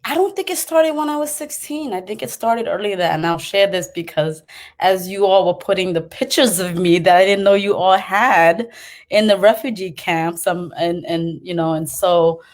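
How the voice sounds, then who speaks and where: A woman's voice: on the low side, moderate pace. A middle-aged woman from Cambodia, speaking on a panel about her life and community work. She talks passionately and circles back on her thoughts, with many fillers and restarts. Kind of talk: personal storytelling on a panel.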